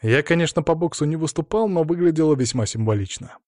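A man narrating an audiobook in the first person, in steady, measured storytelling. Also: fairly high pitch, dry recording, studio quality.

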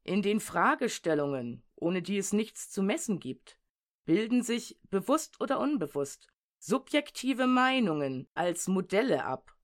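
Woman reading a dense essay, measured. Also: medium pitch, big pitch swings. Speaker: audiobook narrator. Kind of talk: read-aloud essay narration.

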